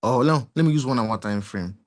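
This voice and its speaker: A man with a mid-pitched, slightly hoarse voice teaches a trading lesson over his chart. He explains patiently, circles back to the same points and throws in rhetorical questions. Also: a little fast. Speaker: trading mentor. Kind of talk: screen-share trading lesson.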